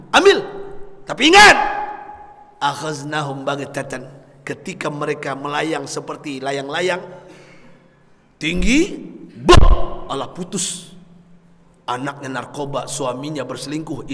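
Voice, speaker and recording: Male preacher, gravelly voice, hushed then loud impassioned cries, long hall reverb. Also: medium pitch, a little slow, pauses often. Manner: calls out to the congregation. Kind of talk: sermon.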